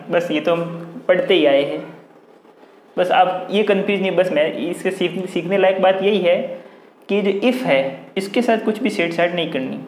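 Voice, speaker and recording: A man teaching an English grammar lesson, reading sentences out slowly, word by word. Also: high-pitched. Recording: echoey room, faint background hum.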